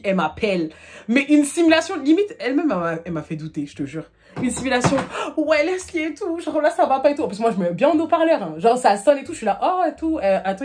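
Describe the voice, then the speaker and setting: Fast-talking young woman telling a story. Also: medium pitch, darkish tone. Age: 20s. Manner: chatty, rapid, full of fillers and acted quotes. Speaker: storytime vlogger. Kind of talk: casual storytelling to camera.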